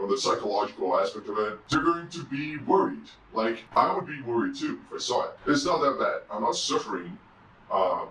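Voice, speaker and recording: A man talking through a voice changer that shifts his voice deeper, speaking hesitantly in a casual confessional vlog from his room. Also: fairly bright tone. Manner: hesitant, rambling, many "you know"s. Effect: deep pitch-shifting voice changer. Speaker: indie game developer and vlogger. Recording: roomy and distant, faint hum.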